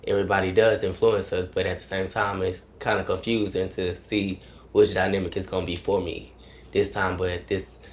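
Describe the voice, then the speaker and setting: A man in his thirties from Texas, speaking on a panel in a halting, hesitant way. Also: sits low. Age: 30s. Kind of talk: panel discussion.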